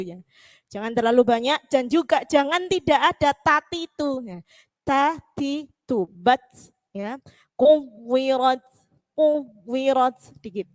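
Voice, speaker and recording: A woman teaching a Quran recitation lesson online, repeating syllables and chanting verses slowly for students to follow. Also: high-pitched, dry recording. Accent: East Javanese.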